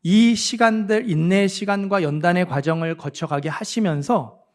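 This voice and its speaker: Male pastor with a high voice, earnest sermon delivery, pushes up for emphasis then sinks quiet. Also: moderate pace. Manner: earnest, swings between emphatic rises and soft low drops. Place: church.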